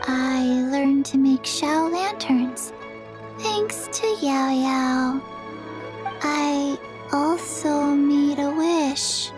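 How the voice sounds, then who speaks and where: A woman voicing a small, forgetful undead girl in a video game, with a soft childlike voice and a halting, deadpan delivery. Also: high voice. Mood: sleepy, flat. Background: music.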